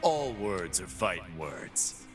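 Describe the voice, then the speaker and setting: Deep and heavily acted, with big pitch swings and a slow delivery, this actor's voice brings a cocky half-beast pit boss to life in game voice lines. Game music plays as the brawler swaggers, boasts and hurls tough-guy taunts.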